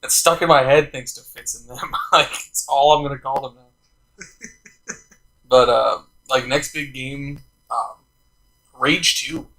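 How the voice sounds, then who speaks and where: A man's voice: medium pitch, fairly even intonation, slow pace, long pauses, bright, forceful tone, rough recording. A young man hosting a casual podcast chat, rambling with fillers and laughing often. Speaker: podcast host.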